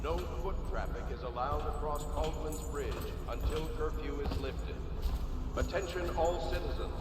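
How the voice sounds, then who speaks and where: A man voicing a formal city official announcing a curfew over a public loudspeaker, in a measured, official tone. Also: on the high side, very noisy. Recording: echoey distant loudspeaker with game music.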